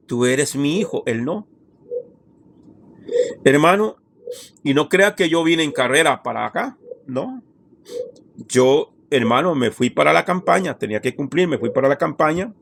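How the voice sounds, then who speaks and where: A man's voice: a little high, creaky. A man, a pastor telling a personal testimony in a sermon with emotional storytelling, often calling listeners brother.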